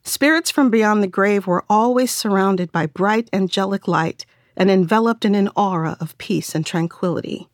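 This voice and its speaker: A woman reading a novel aloud as narrator, in a wry, measured storytelling manner. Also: mid-range voice, no room sound, studio quality. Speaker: audiobook narrator. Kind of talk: scripted narration.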